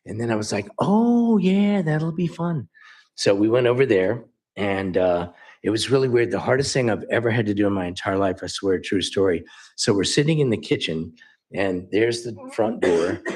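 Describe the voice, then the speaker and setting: At a council meeting, a music store owner presents through chatty stories, voicing the quoted exchanges himself. He has a lowish male voice with a breathy edge.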